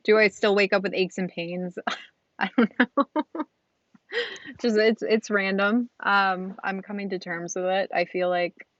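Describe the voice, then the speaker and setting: A woman's voice: medium pitch, steady tone, a little slow, fairly bright tone, no room sound, lo-fi sound. A woman in her twenties co-hosting a casual podcast, easygoing and laughing often. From Massachusetts. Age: 20s. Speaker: podcast co-host.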